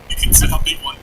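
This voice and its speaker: A man's voice: sharp tone, far from the mic, slight background noise, rough recording. A man chatting casually on voice chat with gaming friends, joking and laughing.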